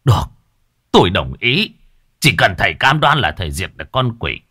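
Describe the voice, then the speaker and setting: A man's voice: lowish voice, big pitch swings, normal speed, bright, forceful tone, husky, heavily acted. A man voicing a deferential older village chief who speaks humbly and pleads. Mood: pleading.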